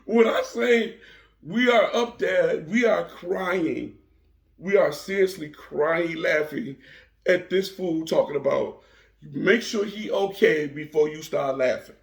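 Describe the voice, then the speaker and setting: A man casually telling a vacation story in an animated way, often repeating himself. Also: a little high, slow pace, gravelly, roomy sound. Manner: animated, laughing through his words, repeats himself.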